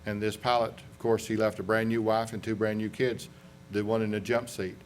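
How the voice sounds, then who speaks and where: A man's voice: on the low side, little pitch movement, brisk, slight background noise. A man with a Southern US accent, an accident investigator presenting at a conference in a folksy, rambling way, with restarts and asides. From North Carolina. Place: conference room.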